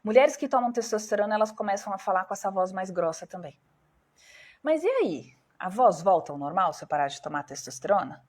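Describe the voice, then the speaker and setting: A woman's voice: mid-range voice, animated, brisk, a little mellow. Brazilian woman explaining on a live stream. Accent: Brazilian Portuguese. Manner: explanatory, asks viewers questions and answers them herself. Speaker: skin doctor hosting a live stream.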